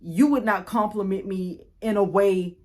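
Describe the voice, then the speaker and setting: A young woman, telling a storytime vlog in a chatty, animated way, often repeating and restarting. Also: mid-range voice, measured pace. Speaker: YouTuber.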